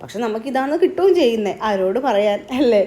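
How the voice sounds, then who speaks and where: A woman's voice: fairly high pitch, expressive, fast, warm tone. A young woman, chatting casually through a home vlog and explaining her cooking and her day as she goes. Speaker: family vlogger and mother. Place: home, indoors.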